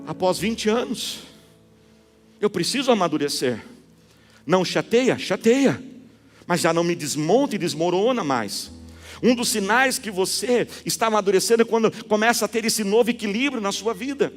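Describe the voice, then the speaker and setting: A man's voice: sits high, lively intonation, normal speed, long reverb tail, soft background music. A Brazilian man in his forties, a pastor preaching a sermon, telling stories and asking the congregation rhetorical questions. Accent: Brazilian Portuguese. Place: church sanctuary.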